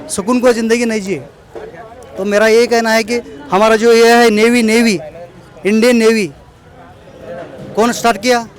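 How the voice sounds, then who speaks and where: A man being interviewed outdoors at a celebration, talking earnestly and repeating his points, with English words mixed into his speech. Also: sits high. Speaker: local organizer interviewed at a celebration. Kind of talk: informal street interview.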